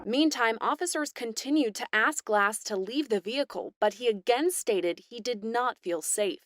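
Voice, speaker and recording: Female news narrator, measured and neutral, dry close studio read. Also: a little high, no room sound. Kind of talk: scripted news voice-over. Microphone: studio voice-over mic.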